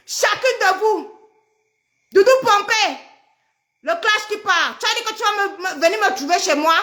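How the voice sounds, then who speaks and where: A middle-aged pregnant woman, ranting angrily on a live stream, trading insults and mocking her rivals. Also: extremely high pitch. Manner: shouting insults, mocking, repetitive. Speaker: social media personality. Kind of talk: angry live-stream rant.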